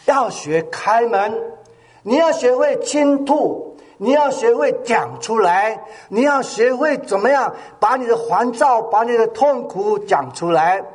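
A man's voice: very high-pitched, measured pace, slightly rough. An older male pastor preaching a sermon, asking his congregation questions and drawing answers back from them. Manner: call-and-response with the congregation, animated.

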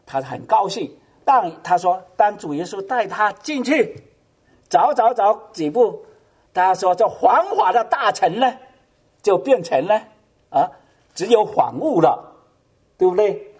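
A man's voice: high-pitched, sing-song, a little slow, pauses often, a little mellow, husky. A man preaching, telling a story dramatically with frequent exclamations. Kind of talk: sermon storytelling.

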